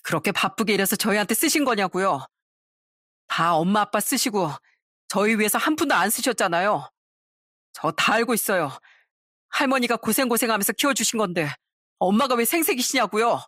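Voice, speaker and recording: A woman's voice: medium pitch, animated, a little fast, a bit bright, dry recording, clean studio sound. A woman voicing a young husband who bluntly accuses his mother. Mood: accusing. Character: young adult husband, blunt and resentful son.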